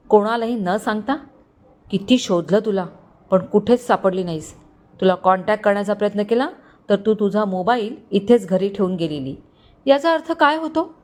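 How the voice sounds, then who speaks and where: A woman's voice: mid-range voice, lightly acted. A woman voicing an angry young groom who coldly scolds his former bride in a storybook reading. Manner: stern, reproachful.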